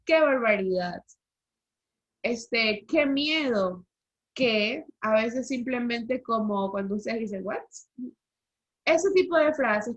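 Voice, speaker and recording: A woman's voice: on the high side, a bit bright. A woman teacher giving an online language lesson, explaining rules and quizzing the class with questions over a video call. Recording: slightly dull lo-fi call audio.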